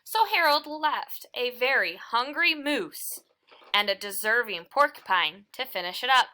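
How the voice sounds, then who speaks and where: With a voice on the high side, a woman brings a children's picture book to life through expressive reading, careful phrasing and dramatic stress on key moments.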